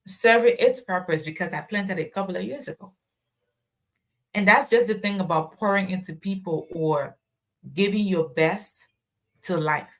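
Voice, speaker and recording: On a low-quality recording, a podcast guest from Ghana talks reflectively, relating personal anecdotes as conversational storytelling. Her pitch is fairly low and her tone fairly bright.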